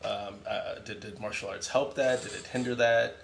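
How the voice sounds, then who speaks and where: A man's voice: medium pitch, fairly even intonation, moderate pace, vocal fry. A man interviewing a guest in a casual, rambling way, full of fillers. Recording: faint background noise.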